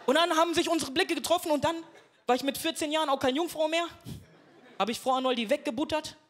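A man's voice: extremely high pitch, fast talker, fairly bright tone. A young man from Duisburg doing self-mocking stand-up comedy, chatting with the audience. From Duisburg, Germany. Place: stage before a live audience. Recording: live show with audience and noise.

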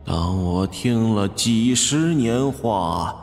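A man voicing a vengeful male hanged ghost in an audiobook, speaking slowly and quietly with a low, partly whispered delivery. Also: expressive, vocal fry, big-room sound, faint music behind, heavily acted. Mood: bitter menace.

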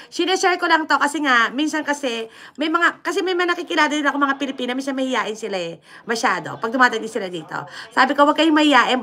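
Woman, Filipino accent, livestream host, chatty, code-switching, high pitch. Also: pushed and bright. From Philippines. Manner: chatty, mixes Tagalog and English, laughs often. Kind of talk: casual livestream chat, greeting viewers.

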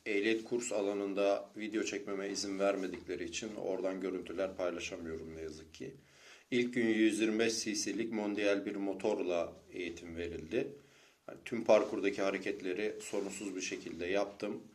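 A man's voice: sits low, steady tone, normal speed. A man speaking a motorcycle vlog update to camera. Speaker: motorcycle vlogger.

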